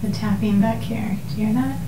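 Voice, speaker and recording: A woman's voice: medium pitch, steady tone, brisk. A woman on a paranormal investigation, chatting casually with the group and talking to a ghost. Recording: echoey room with clear background noise.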